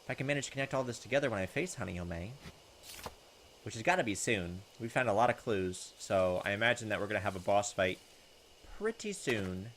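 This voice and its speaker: A young man whose voice is on the low side and fairly bright reads a visual novel at a fairly quick clip, alternating dramatic narration with informal comments. The recording carries video game music and a little background noise.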